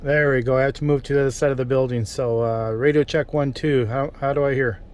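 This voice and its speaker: A man's voice: mid-range voice, steady tone, quick pace, noisy background. A man giving casual, off-the-cuff vlog commentary as he tests a product. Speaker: product reviewer. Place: in or beside a car at a mall.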